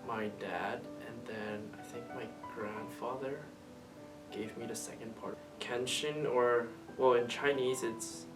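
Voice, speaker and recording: Young man, from Japan, hesitant, many fillers, distant mic, loud background music. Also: medium pitch, steady tone, takes it slowly. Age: young adult. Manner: hesitant, with many likes and ums. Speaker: interviewee. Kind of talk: casual interview answers.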